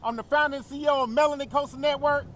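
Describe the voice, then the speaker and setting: A man's voice: very high-pitched, fairly even intonation, racing. A man hosting a vlog while riding a roller coaster, giving exuberant, repetitive hype commentary outdoors. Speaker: vlog host. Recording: loud ride noise outdoors. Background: roller coaster ride noise.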